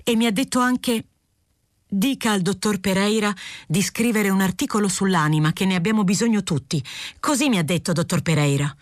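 A woman's voice: medium pitch, brisk, no room sound, studio quality, voice pushed up, close to an everyday voice. A woman reading aloud, voicing an anxious, rule-bound male print-shop foreman in an audiobook. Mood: nervous. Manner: fretful, cautious, rule-bound.

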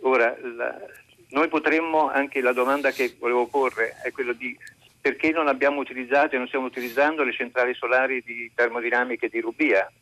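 Earnest bright-voiced radio show caller, man. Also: medium pitch, steady tone, no echo, rough recording. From central Italy. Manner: earnest, long-winded explaining with frequent halting restarts. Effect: calling in by phone to a radio show. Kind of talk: phone-in question to a radio host. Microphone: phone.

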